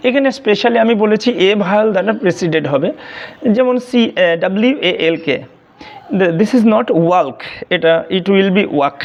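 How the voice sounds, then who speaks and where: A teacher giving a video lesson on pronunciation, hesitating often and repeating words slowly to demonstrate them. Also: medium pitch. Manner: hesitant, many filler sounds and restarts. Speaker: English teacher. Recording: dull lo-fi recording.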